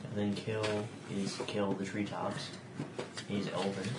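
A man's voice: low-pitched, level tone, normal speed. A man narrating a tabletop role-playing game as the game master. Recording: very noisy, echoey room.

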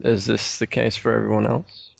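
A man's voice: on the low side, level tone, normal speed, gravelly, dry recording. A man playing a tabletop game and talking casually about the action.

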